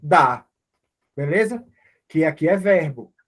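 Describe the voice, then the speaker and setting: A man's voice: on the high side, expressive, takes it slowly, a bit bright. A man with a Brazilian Portuguese accent teaching an online language class in an informal, patient way, often checking that students follow. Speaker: Hebrew teacher.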